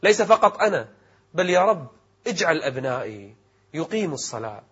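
A man with a fairly high, husky voice delivers a religious sermon in formal standard Arabic. His delivery is emphatic and rhetorical, with classical diction. The recording sounds dull and a little muffled. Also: very animated, fairly quick, fairly bright tone. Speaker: Islamic preacher presenting a religious programme.

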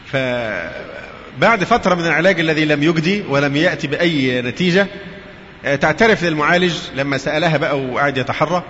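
Man, lecture, quick delivery, asks the audience questions, reverberant hall, faint background hiss. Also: on the high side, animated, a bit bright. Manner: mixes formal Arabic with colloquial, addresses listeners with questions. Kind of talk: religious lecture. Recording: dull reverberant hall recording with faint noise.

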